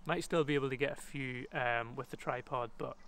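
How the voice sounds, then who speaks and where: A man's voice: medium pitch, brisk, fairly bright tone, low-quality recording. A man giving casual, rambling commentary while taking photos outdoors at an abandoned building, with many fillers and restarts. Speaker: photographer and vlogger.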